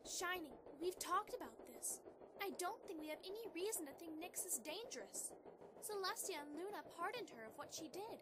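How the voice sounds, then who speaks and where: A noisy home-mic recording carries a woman acting as a young pony princess with an extremely high voice. She is an affectionate, playful wife who coaxes and reassures earnestly, in amateur cartoon-style audio drama. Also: expressive, normal speed. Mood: earnest, reassuring.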